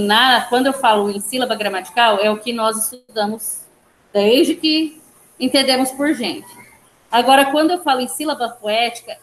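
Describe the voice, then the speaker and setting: A woman with a fairly high, slightly bright voice teaches a language class online, explaining step by step. She counts syllables aloud and checks in with her students, recorded in an echoey room with faint background noise.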